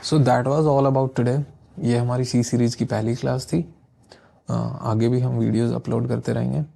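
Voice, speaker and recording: A man teaching English vocabulary in a casual lesson, explaining words with memory tricks and slowly reading out example sentences. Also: mid-range voice, flat delivery, gravelly, warm tone. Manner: often adds filler checks like "theek hai".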